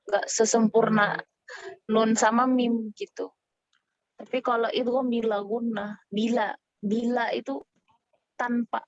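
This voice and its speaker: A woman's voice: a little high, no echo, lo-fi sound. A woman teaching a casual online Quran recitation lesson. She explains in a chatty way and keeps checking whether her students follow along.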